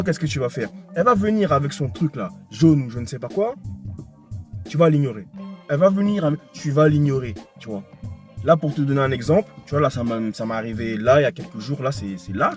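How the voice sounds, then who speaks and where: A man's voice: fairly high pitch, a little mellow. Young man, casual advice monologue, slangy, repetitive, faint music behind. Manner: slangy, repetitive, addresses listener directly. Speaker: dating advice talker.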